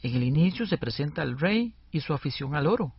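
A man co-hosting a scripted educational radio lesson in a lively, explanatory way, on a dull lo-fi recording. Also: a little high, a little fast, vocal fry, breathy edge, no echo.

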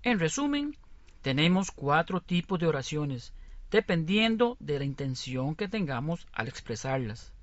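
A co-presenter of a scripted radio lesson, explaining examples in a lively way. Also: mid-range voice, measured pace, no echo. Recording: dull lo-fi recording.

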